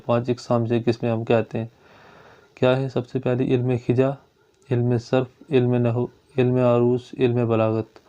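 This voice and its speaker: A man's voice: mid-range voice, warm tone. A man teaching a grammar lesson. He explains step by step and repeats his points. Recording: dull lo-fi recording.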